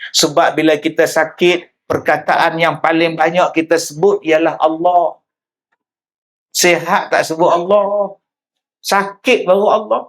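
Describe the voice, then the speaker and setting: A male preacher, delivering a lively sermon that mixes humor with direct address to the audience. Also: on the high side, unhurried. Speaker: religious preacher. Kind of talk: public sermon.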